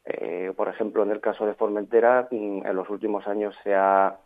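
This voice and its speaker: Male spokesman by phone, low-pitched, hesitant, tinny line. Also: flat delivery, moderate pace, gravelly. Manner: hesitant, thoughtful, many fillers. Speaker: police association spokesman. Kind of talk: radio interview answers.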